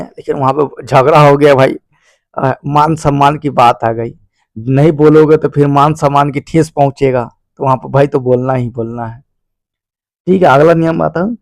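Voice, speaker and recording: A man's voice: a little high, gravelly, dry recording. A man hosting a video, casually explaining a self-help book to his viewers in a conversational, repetitive way. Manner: conversational and repetitive, addresses listeners as "bhai". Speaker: video host.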